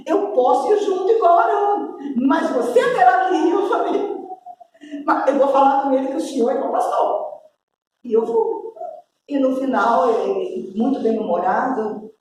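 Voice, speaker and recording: A Brazilian woman pastor preaching a sermon, telling a story with lively acted-out dialogue. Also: high-pitched, slight background noise. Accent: Brazilian Portuguese. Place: church hall. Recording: echoey church hall, distant mic.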